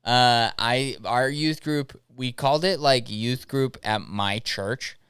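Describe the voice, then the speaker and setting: A man's voice: medium pitch, slow, fairly bright tone, clear, resonant tone, dry recording, clean studio sound. A young man co-hosting a podcast, telling rambling jokey stories full of like and dude. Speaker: podcast co-host. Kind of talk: casual chat.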